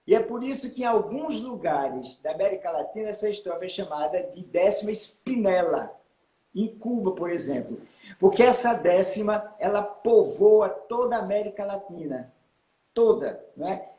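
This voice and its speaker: A man's voice: high-pitched, darkish tone. A man, explaining folk poetry in an interview, in a teaching manner with frequent tag questions. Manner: didactic, often adds tag questions. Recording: roomy echo.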